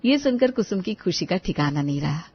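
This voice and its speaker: A woman narrating a cartoon story in a steady, scripted way. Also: lowish voice, fairly quick, slightly rough. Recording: dull lo-fi voice-over.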